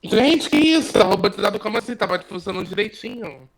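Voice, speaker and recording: A man's voice: high voice, expressive, fast talker. A Brazilian man co-hosting a casual live podcast over a headset call, his voice coming through glitchy and half robotic. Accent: Brazilian Portuguese. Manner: chatty, keeps checking his audio. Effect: glitchy half-robotic voice from a bad call connection. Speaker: podcast co-host. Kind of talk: casual live-stream chat. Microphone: headset over an online call. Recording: robotic, choppy call audio, faint noise.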